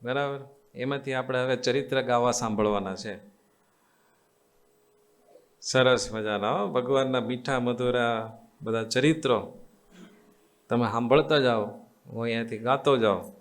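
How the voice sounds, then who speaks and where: A man's voice: mid-range voice, measured pace, pauses often. A man with a Gujarati accent giving a devotional sermon as a swami, teaching in a coaxing, repetitive way and quizzing his listeners with call-and-response questions. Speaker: swami giving a religious discourse. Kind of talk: devotional sermon to a live assembly.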